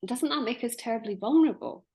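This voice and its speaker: A woman's voice: on the high side, animated, fast talker, warm tone. A woman in her forties hosting a conversation, musing and hesitant as she poses questions. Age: 40s. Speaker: podcast host. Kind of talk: conversational discussion.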